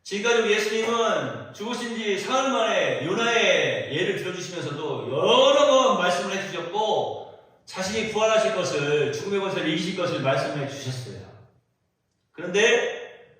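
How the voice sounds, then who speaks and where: A man preaches a sermon in a church sanctuary, his fairly high voice rising and falling with lively energy as he acts out the voices in the story. Heavy echo fills the room, and he sounds some distance from the microphone. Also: normal speed. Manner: animated preaching, acting out quoted voices. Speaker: pastor. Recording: echoey church from a distant mic.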